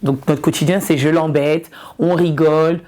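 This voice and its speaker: A woman's voice: low voice, steady tone, normal speed, warm tone. A woman from Ivory Coast, a comedian and influencer, chatting casually in an interview and repeating words for emphasis.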